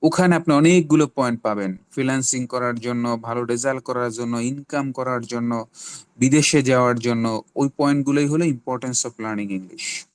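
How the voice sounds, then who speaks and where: A middle-aged Bangladeshi man teaching spoken English in an online class, giving slow, drawn-out English examples between explanations. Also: mid-range voice, smooth, no echo.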